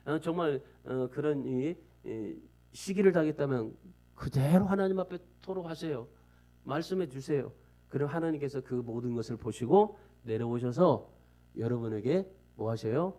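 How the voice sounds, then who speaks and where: Man, pastor, sermon, earnest pleading, repeated phrases, slightly high voice. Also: mellow.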